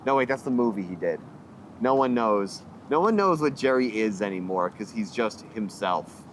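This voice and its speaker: A young man, a comedian guest, trading quick wry banter in a casual chat. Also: lowish voice, very animated, slight background noise.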